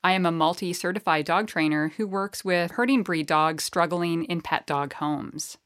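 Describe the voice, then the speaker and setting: Pitched fairly low and fairly bright, her voice moves at a moderate pace. She's a dog trainer and podcast host who eagerly introduces and interviews a guest, chatty and prone to fillers and restarts.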